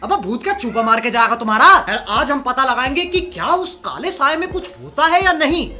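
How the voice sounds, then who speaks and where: A young man roasting a clip in a high, bright voice that swings widely up and down. He is sarcastic and mocking, and his jokes are crude and quick. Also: expressive. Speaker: reaction video host. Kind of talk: comedic roast commentary.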